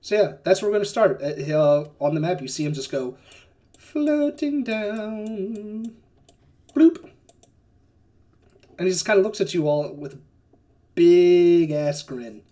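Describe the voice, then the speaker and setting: A woman's voice: sits low, fast talker, few pauses, dark tone. A woman running a tabletop game as game master, narrating casually, swearing and laughing often.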